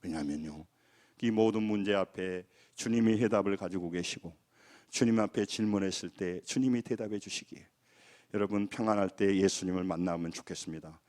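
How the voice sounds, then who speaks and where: A man preaching a Sunday sermon as pastor of a church, with a Jeolla accent, moving between loud calls and quiet, low passages. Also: fairly quick. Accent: Gwangju Jeolla. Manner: animated preaching, shifts from shouted calls to low quiet close. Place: church sanctuary.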